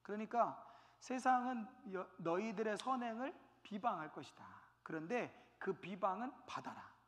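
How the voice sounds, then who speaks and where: A man's voice: sits high, expressive, normal speed, a bit bright, in a large hall. A man preaching a sermon as pastor, asking his congregation questions and acting out the voices of people he quotes.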